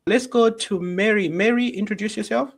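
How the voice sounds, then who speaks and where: A man with a fairly high voice moderates an online discussion panel. He introduces each guest in a formal way and repeats his thanks. The sound is ordinary video-call audio. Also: normal speed. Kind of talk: webinar moderating. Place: home.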